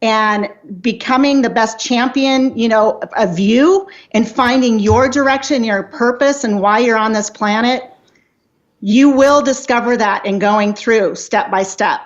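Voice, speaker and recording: A woman's voice: on the high side, a little slow, muffled recording. A woman in her fifties, a life coach talking earnestly and motivationally as an interview guest, with frequent restarts. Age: 50s. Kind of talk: casual interview chat.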